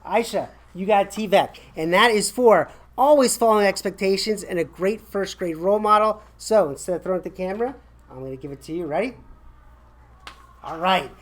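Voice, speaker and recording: A man's voice: high-pitched, brisk. A middle-aged American man hosts casual morning announcements for a school. He is upbeat, chatty and encouraging, speaking to a camera in a classroom. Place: small classroom, indoors.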